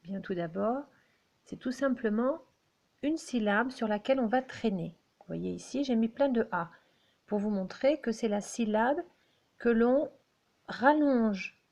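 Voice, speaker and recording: A woman's voice: a little high, expressive, creaky, a little mellow, highs cut off. A woman whose first language is French, teaching beginners at a whiteboard, patient and checking in often with her class. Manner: slow, patient, checks in with "d'accord?". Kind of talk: explaining at a whiteboard. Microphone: handheld camera.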